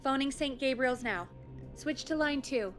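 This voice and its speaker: An actress voicing a brisk, practical radio station producer. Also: female voice, sits high, fairly bright tone, soft background music. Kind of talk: video game voice acting.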